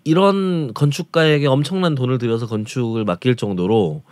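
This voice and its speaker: A man's voice: medium pitch, brisk, darkish tone, no echo. A man presenting a food travel segment on a talk radio show, describing restaurants and dishes in detail in a casual chatty way.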